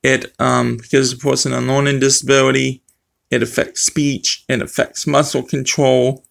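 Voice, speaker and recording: Male vlogger, middle-aged, gravelly, speech impediment affecting R and W, rambling informal delivery. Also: medium pitch, level tone, moderate pace, a bit bright. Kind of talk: casual talk to camera. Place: small room at home. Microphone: webcam or phone close to face.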